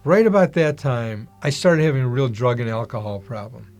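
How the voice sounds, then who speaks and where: A middle-aged man giving a personal testimony in an animated storytelling manner, acting out the dialogue he recalls. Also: medium pitch, a little fast. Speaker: testimony speaker.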